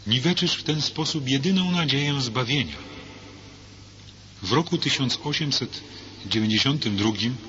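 A man reading a religious book aloud in earnest, measured narration that turns to direct preaching. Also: mid-range voice. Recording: dull lo-fi with faint hiss.

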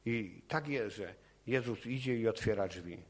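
A man's voice: lowish voice, measured pace, a little mellow. Impassioned male preacher giving testimony. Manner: impassioned, repetitive, rising in intensity. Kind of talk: sermon with personal testimony. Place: church or meeting hall podium.

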